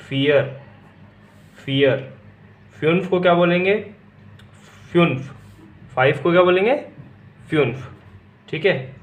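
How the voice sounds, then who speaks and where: A man's voice: on the high side, reverberant. A young man teaching German numbers to a class. He asks a question, then answers it himself and repeats each word. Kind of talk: classroom-style language lesson.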